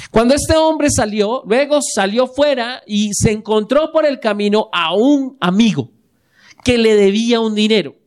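A man preaching a sermon, asking the congregation questions and repeating key phrases for emphasis. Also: high voice. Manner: asks the congregation questions and waits for replies. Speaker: pastor.

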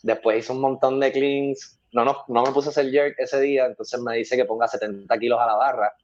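A man's voice: medium pitch, fairly even intonation, brisk, darkish tone, lo-fi sound, a little hiss or hum. A man, a weightlifting athlete telling stories in a casual interview, acting out the voices of the people he quotes and laughing often.

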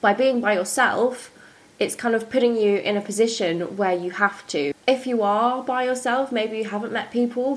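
A young woman presents a podcast in the manner of an upbeat morning show host. Her voice sits at a middle pitch. She explains things informally and conversationally. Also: poor audio. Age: young adult.

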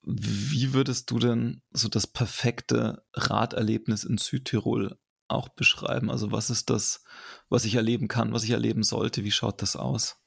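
Gravelly German male podcast host. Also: on the low side, normal speed. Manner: relaxed, agreeable, frequent fillers. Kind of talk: casual interview talk.

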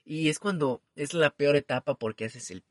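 A man's voice: fairly high pitch, moderate pace, no room sound, clean studio sound. A young man from Mexico City with a Mexico City accent, co-hosting a podcast in casual chat and acting out quoted dialogue with slang. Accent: Mexico City Spanish. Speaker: podcast co-host.

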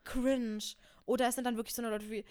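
A woman's voice: on the high side, flat delivery, very fast, a crowd in the background. A young woman in her twenties co-hosting a podcast, chatting casually and laughing often, with lots of youth slang. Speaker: podcast co-host. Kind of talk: casual chat.

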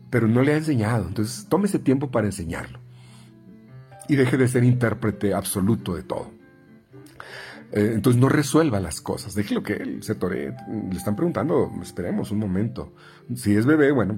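Brief: male speech therapist, Mexican accent, low warm voice, chatty advice talk with fillers, faint music under. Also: lively intonation, moderate pace. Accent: Mexican Spanish. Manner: conversational, frequent fillers and repeats; acts out quoted parents and children in higher voices. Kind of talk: advice talk to parents, numbered tips.

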